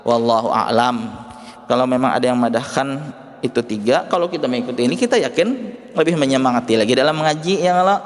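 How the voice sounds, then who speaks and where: A man's voice: medium pitch, lively intonation, fast talker. A male religious teacher giving a study lesson, explaining points and putting questions to his listeners. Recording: long hall reverb.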